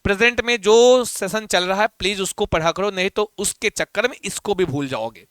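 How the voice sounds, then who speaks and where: A male teacher, his voice high and bright, chanting word forms in a rhythmic rote cadence for his class. The sound is smooth and close, with almost no room around it. He stops often to reassure his students. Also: a little fast, dry recording. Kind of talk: live online exam-prep class, chanting declensions.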